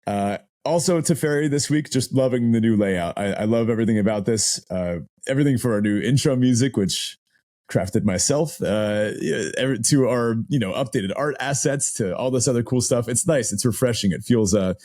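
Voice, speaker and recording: A warm, mellow-toned man chats eagerly as a podcast co-host. His voice is still slightly hoarse and not fully recovered, and he laughs easily between points. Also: mid-range voice, normal speed. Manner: enthusiastic, chatty, laughs often. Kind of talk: casual podcast chat.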